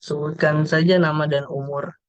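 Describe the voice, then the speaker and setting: Halting young man on a muffled call. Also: a little high, level tone, no room sound. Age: young adult. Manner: halting, many filler sounds. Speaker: assessor playing a company representative. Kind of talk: role-played group discussion assessment. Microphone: video call.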